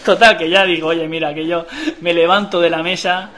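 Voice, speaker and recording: A man telling a long, crude, animated story in a casual chat, acting out the voices of the people in it. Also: fairly high pitch, a little fast, over a noisy crowd. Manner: animated, profane, acts out quoted voices. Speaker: podcast co-host telling a story.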